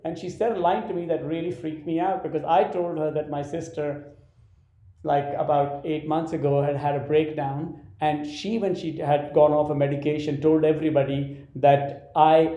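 A man with an Indian accent, a film director telling animated behind-the-scenes stories in an interview, with many restarts. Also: on the high side. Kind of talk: interview storytelling. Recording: roomy echoey sound.

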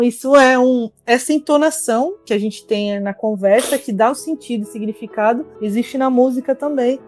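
A Brazilian woman, a music therapist, patiently explaining things in an interview. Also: on the high side. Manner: patient, teacherly, lively explanations.

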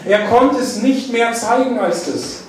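A man preaching a sermon, dwelling on key phrases with drawn-out emphasis. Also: extremely high pitch. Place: church hall. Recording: echoey church hall, mic at a distance.

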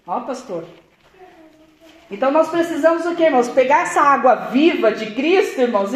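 A woman's voice: high voice, reverberant. An older woman, preaching a testimony-style sermon. She keeps addressing the congregation as brothers and acts out remembered conversations. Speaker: church preacher. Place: church.

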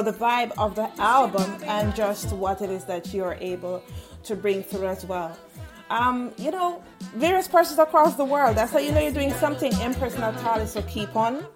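A woman presenting a live show as host, giving shout-outs and introductions. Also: a little high.

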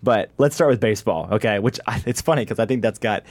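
A man's voice: lowish voice, fast talker, darkish tone, dry recording. A man in his twenties from Wisconsin, hosting a sports podcast in a chatty, rambling way and laughing often. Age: 20s. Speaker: podcast host. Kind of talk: casual sports chat.

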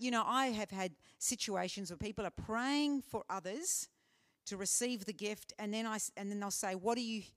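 A woman speaker answering questions in a live teaching session, earnest and conversational with frequent fillers. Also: mid-range voice. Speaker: conference speaker. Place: conference hall.

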